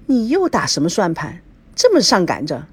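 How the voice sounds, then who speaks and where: A woman voicing a sharp-tongued middle-aged wife and mother who scolds and doubts, with a breathy voice. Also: fairly low pitch, wildly swooping pitch, moderate pace, exaggerated voice. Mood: scornful.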